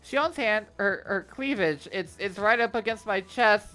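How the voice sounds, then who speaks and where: A woman hosting a let's-play, joking loudly and reading the story aloud over game music. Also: medium pitch, unhurried. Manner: loud, joking, reads dialogue aloud. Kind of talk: casual game commentary.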